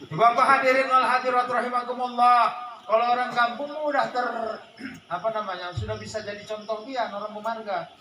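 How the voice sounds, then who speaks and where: A man preaching a lively sermon to a village audience, jumping from quiet asides to shouted points and joking with the crowd. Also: extremely high pitch, fairly quick. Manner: animated, swings from soft asides to shouted points, jokes with the crowd. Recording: echoey room with faint background noise.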